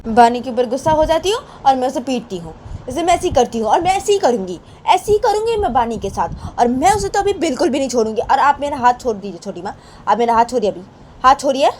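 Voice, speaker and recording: A woman's voice: sits high, animated, fast talker, a little mellow, slight background noise, voice pushed up, poor audio. A woman voicing a hot-tempered young wife who talks back shrilly and defiantly.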